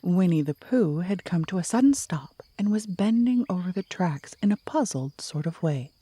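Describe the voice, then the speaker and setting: Mellow, low-voiced woman storybook narrator. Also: animated, moderate pace, slightly rough, no room sound. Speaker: audiobook narrator.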